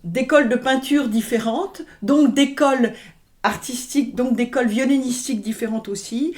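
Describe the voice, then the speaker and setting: A woman's voice: on the high side, normal speed, a little mellow. A woman violinist answering interview questions, speaking with many hesitations, fillers and restarts. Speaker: violinist guest. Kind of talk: conversational interview.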